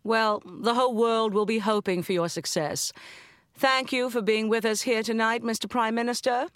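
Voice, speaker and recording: A woman's voice: on the high side, fairly even intonation, moderate pace, dry recording, studio quality, close to an everyday voice. A woman playing a formal, courteous television interviewer in scripted lesson dialogue. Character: polite TV interviewer.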